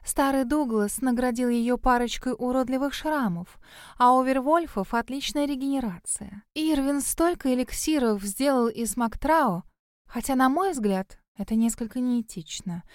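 A woman reading an audiobook who voices a mocking, gossipy female spirit living in a well, raising her voice high and sly. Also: moderate pace, no echo, clean studio sound, close to an everyday voice. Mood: scornful.

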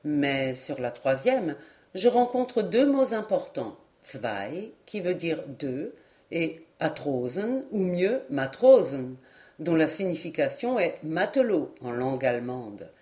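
A woman's voice: sits low, very animated, slow, mellow, exaggerated voice. A woman reading the part of a young, respectful ship captain patiently explaining a puzzle in an audiobook.

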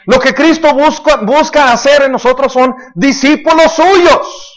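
Man, high voice, emphatic preacher, repeats words. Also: a little slow, a bit bright. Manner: emphatic, repeats words, asks the congregation questions. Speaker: pastor. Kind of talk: sermon.

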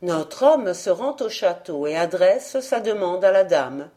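A woman reading a folktale aloud as an audiobook, slow and measured. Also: on the low side, animated. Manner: slow, measured, dark-toned. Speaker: audiobook reader. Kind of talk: scripted folktale narration.

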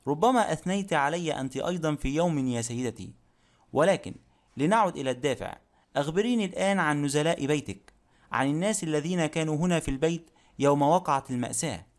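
A male reader plays a courteous, shrewd detective who asks questions gently and calmly. The voice drops a little lower and quieter than the narration. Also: fast talker. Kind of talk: audiobook character reading.

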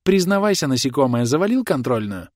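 A man's voice: medium pitch, very animated, a little fast, no room sound, studio quality. A man voicing a cheeky young woman who plays a mock-servile maid and then snaps back sharply. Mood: scornful. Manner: sly mock-submissive, then sharp and whining.

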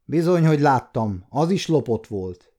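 A man voicing a gruff castle gate guard who shouts threats at a stranger, in an audiobook. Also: medium pitch, sing-song, lightly acted. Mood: hostile.

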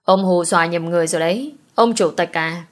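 A woman's voice: lowish voice, fairly quick, close to an everyday voice. A woman reading the part of a defiant young man who coldly stands up to his father in an audiobook. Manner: calm, cutting.

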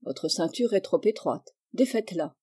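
A reader voicing a kind but firm middle-aged male doctor who is an uncle, read in a measured, instructive way. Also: mid-range voice, expressive, dark tone, slightly rough.

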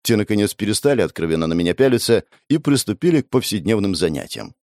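A man's voice: on the low side, very animated, fast, darkish tone, no room sound. Dry, grumbling male audiobook narrator. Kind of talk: first-person audiobook narration.

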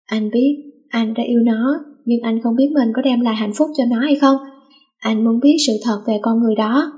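Woman reading a story, mellow higher voice. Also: moderate pace. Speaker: story reader. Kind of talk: reading fan fiction aloud.

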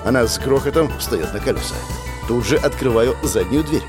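A man's voice: medium pitch, lively intonation, normal speed, music in the background. A man narrating a first-person fantasy audiobook in a tense, dramatic way.

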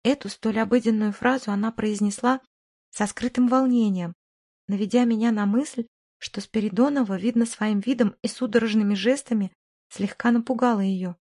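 A woman narrating a first-person audiobook in an even, measured storytelling voice. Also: a little high.

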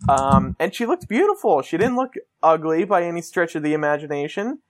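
A man's voice: fairly high pitch, very animated, brisk, no room sound, studio quality. A man hosting a call-in talk show, chatting casually in a hesitant, rambling way.

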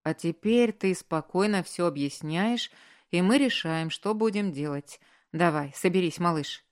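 A cold, commanding wealthy man gives curt orders in a low voice, read by a female narrator. His lines are delivered plainly in the audiobook reading, with little change from the narrator's own voice. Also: measured pace, close to an everyday voice. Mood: soothing.

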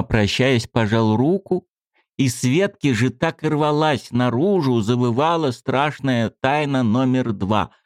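Man, audiobook narration, lively melodic delivery, dry close sound. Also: mid-range voice, no echo. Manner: expressive, performs all the characters. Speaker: audiobook reader.

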